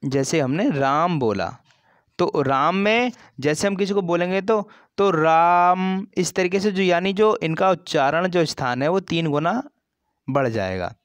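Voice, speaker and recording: A man teaching a grammar lesson for an exam, explaining slowly, repeating terms and stretching sounds as examples. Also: sits high, expressive, dry recording. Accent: Hindi.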